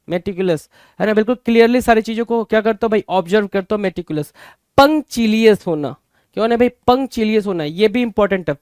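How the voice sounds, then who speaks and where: High-voiced male vocabulary teacher. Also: smooth, no echo, clean studio sound. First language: Hindi. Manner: repetitive, rhetorical questions to students. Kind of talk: Hindi-English exam prep lecture.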